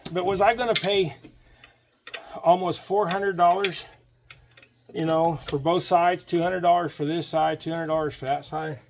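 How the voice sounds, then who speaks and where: A man's voice: fairly high pitch, slight background noise. A man giving casual, joking running commentary while he changes truck struts outdoors and talks to a helper. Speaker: DIY mechanic vlogger.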